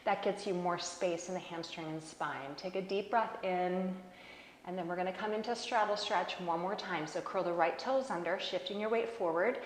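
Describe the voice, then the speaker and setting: A woman teaching a slow-flow yoga class, giving calm, encouraging cues and laughing off small mishaps. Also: fairly low pitch, slight background noise. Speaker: yoga instructor. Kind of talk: guided yoga class instruction. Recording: echoey room with long reverb.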